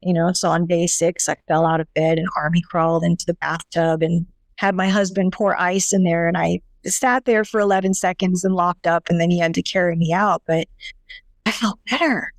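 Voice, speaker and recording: A woman guest in an interview recounts her own story in an earnest, halting way, often circling back to restart a phrase. Her voice sits on the low side. The sound is close and dry, with no room around it. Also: steady tone, no room sound. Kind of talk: personal testimony in an interview.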